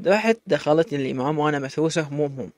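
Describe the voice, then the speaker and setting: A man with an Iraqi accent narrating a first-person story in a brisk, running read. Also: on the high side, darkish tone, no echo. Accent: Iraqi Arabic.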